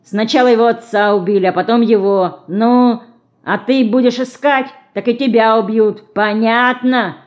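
A woman voicing a rough, mocking teenage street boy who taunts and threatens, read in an audiobook. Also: medium pitch, moderate pace, hardly any pauses, darkish tone, natural voice. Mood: threatening. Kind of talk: audiobook character reading.

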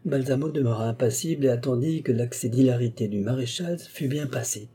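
A man reading a classic novel aloud as an audiobook, in a measured storytelling delivery. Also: mid-range voice, dark tone, breathy edge. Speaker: audiobook reader. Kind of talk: scripted narration of a classic novel.

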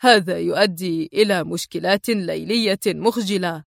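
A woman's voice: on the low side, normal speed, vocal fry, dry recording, voice pushed down. Mocking male action hero, voiced by a woman, cool and sarcastic, audiobook, dry close sound. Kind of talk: audiobook character reading.

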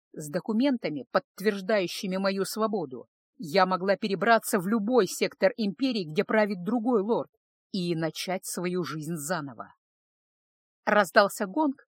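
A woman reading a first-person audiobook in a steady, expressive narration on a close microphone. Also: medium pitch, no room sound.

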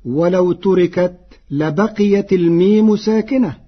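A man teaching the rules of Quran recitation, slowly explaining each rule and drawing out the example words. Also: sits high, lo-fi sound, very noisy. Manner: slow, careful, drawn-out delivery of example words.

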